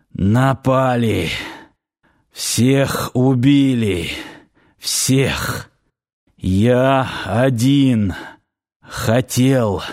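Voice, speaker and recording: A man voicing a wounded, dying man who speaks in slow, broken, gasping phrases. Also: medium pitch, darkish tone.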